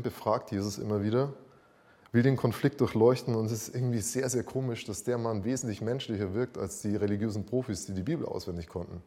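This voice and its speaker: A man's voice: lowish voice, a little mellow. A man preaching an earnest, conversational sermon, repeating key phrases for weight.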